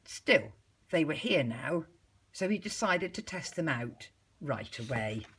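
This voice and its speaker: A woman with a low, slightly rough voice reads a storybook aloud to young children, schoolteacher-style. She keeps it expressive and measured, pausing deliberately.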